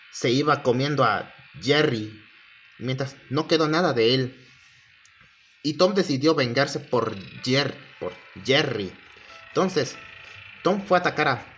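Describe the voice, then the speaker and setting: A man retells a creepypasta in a casual, halting way, often restarting and chaining events with "and then". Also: medium pitch, a bit bright. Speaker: storyteller. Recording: faint music behind.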